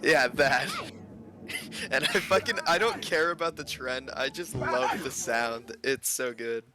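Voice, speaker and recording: A man's voice: mid-range voice, measured pace, noisy background. A man co-hosting a casual podcast chat with friends, teasing and laughing often. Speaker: podcast co-host.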